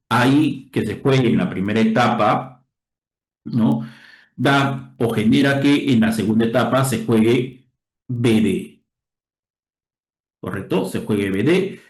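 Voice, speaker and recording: Male lecturer, middle pitch, patient explainer who keeps checking for understanding, recorded with room echo. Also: a little mellow. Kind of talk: game theory lecture. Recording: roomy echo.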